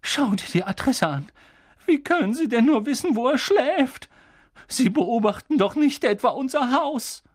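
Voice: high-pitched, expressive, unhurried, pitched above the performer's own voice. A reader voicing an anxious middle-aged aunt who speaks in a trembling voice.

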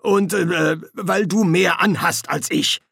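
A man's voice: high-pitched, slow pace, gravelly, a bit bright, slightly rough, no echo, studio quality, voice pushed up, exaggerated voice. A man voicing a bumbling, portly middle-aged army sergeant in an audiobook, with a raised, blustering voice. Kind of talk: audiobook character voice.

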